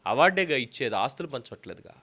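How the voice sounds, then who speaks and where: A man's voice: mid-range voice, big pitch swings, fast talker, pushed and bright. A man delivering an opinion commentary, arguing emphatically with rhetorical questions. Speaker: political commentator.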